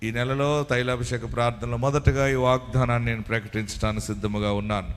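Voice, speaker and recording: Telugu pastor preaching in an echoing hall. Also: male voice, mid-range voice, little pitch movement, quick pace, slight background noise. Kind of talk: sermon.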